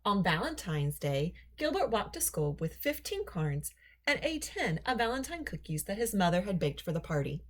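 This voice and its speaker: Here a woman at medium pitch performs a children's story, her reading deliberate and full of expression like a classic storyteller.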